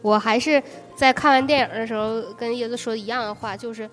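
A woman chats easily on a podcast about recent films, agreeing often and sharing her own picks. Her voice sits a bit high, and faint music runs under the talk. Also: fairly even intonation, a little fast, fairly bright tone. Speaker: podcast co-host. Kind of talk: casual chat reviewing films.

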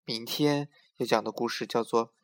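A man narrating a children's story in a lively, sing-song, clearly enunciated way. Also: mid-range voice, normal speed.

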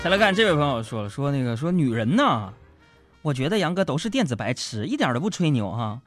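A man with a Northeastern Mandarin accent, hosting a comic radio show and telling listener stories with lively delivery. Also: medium pitch, fast talker. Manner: lively storytelling, acts out quotes. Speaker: radio host reading listener jokes. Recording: radio studio with music bed.

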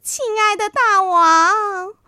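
A woman voicing a sly, flattering male fox in a children's story, sing-song and high. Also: takes it slowly, background noise. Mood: wheedling.

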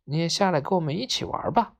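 A woman voicing an excitable little male kitten in a storybook, with eager, loud exclamations. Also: lowish voice, quick pace. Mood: pouty.

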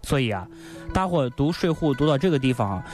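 Male radio co-host, animated storytelling, colloquial, rhetorical questions, faint music behind. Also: medium pitch, fairly quick. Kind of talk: lively storytelling commentary on a classic novel.

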